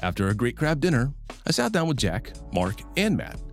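A man's voice: medium pitch, very animated, moderate pace, loud music behind the voice. A man interviewing artists in a friendly, joking, casual way.

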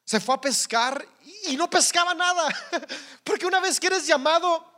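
A man's voice: extremely high pitch, normal speed, pushed and bright. A man with a Mexican accent preaching a sermon in a conversational, humorous way, often repeating words as he goes.

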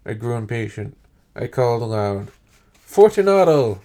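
A man reads a horror story aloud for his podcast. He sets each phrase down deliberately with measured pauses. His voice sits at an ordinary middle pitch. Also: fairly even intonation, a little mellow. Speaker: podcast host and reader. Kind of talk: dramatic horror story reading.

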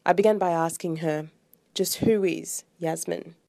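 Mellow low-voiced woman podcast host. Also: fairly even intonation, creaky, dry recording, clean studio sound. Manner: measured, upbeat introduction. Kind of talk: scripted intro and interview questions.

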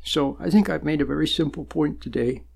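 Gravelly, husky man giving a slow sermon. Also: a little high, darkish tone. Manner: slow and deliberate, with long pauses and sudden emphatic rises. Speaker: spiritual teacher. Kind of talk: sermon-like spiritual talk.

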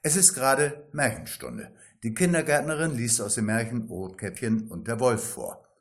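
Brief: male narrator for a weekly satirical audio story, dry and ironic, average pitch. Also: lively intonation, normal speed. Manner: dry, ironic storytelling that reads every part himself.

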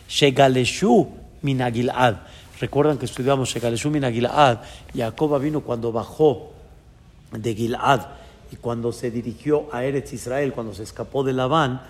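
A man with a Mexican accent, a rabbi giving a Torah lesson in a lively way, acting out people's thoughts and chuckling as he explains. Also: fairly high pitch. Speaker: rabbi teaching a class. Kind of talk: Torah lesson on a biblical book. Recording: long hall reverb.

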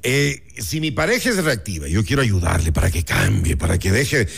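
A man hosts a radio interview in a gravelly voice that moves up and down a lot. He asks his questions in a relaxed, conversational way. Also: on the low side, normal speed. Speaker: radio host.

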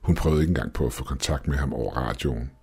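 A man narrating a scripted horror story in a measured, ominous way. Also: extremely low pitch, creaky, a little mellow, husky, soft background music.

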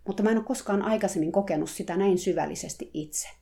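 A woman voicing a panicky therapist, hushed tense pleading, dark tone. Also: mid-range voice, creaky, close to an everyday voice. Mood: reflective. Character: frightened riding therapist, panicky then relieved.

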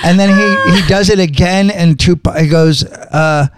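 Rambling man co-host with a higher voice. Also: normal speed, background noise. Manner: rambling, restarts, frequent "right". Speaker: podcast co-host. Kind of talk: casual chat.

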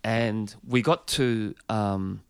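A man's voice: fairly low pitch, steady tone, extremely slow, smooth, no echo, clean studio sound. A touring musician, a man, telling a long anecdote with a rambling manner full of fillers and restarts.

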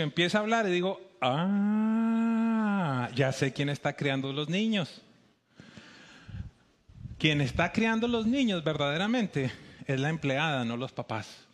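A man with a Bogotá Colombian accent giving an animated sermon, acting out quoted voices with emphatic rises. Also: high-pitched. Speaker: preacher.

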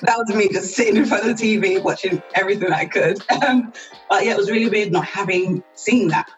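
A woman's voice: mid-range voice, a little fast, lo-fi sound, faint music behind. Chatty woman who laughs often. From South East London, England. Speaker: podcast guest, marketer. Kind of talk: casual interview chat.

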